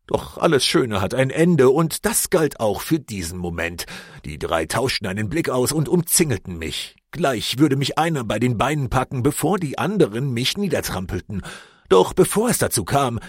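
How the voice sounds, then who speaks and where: A man's voice: mid-range voice, slightly rough, no echo, studio quality. A man reading a first-person story aloud as an audiobook narrator, with dramatic delivery. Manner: dramatic reading, voicing shouted lines.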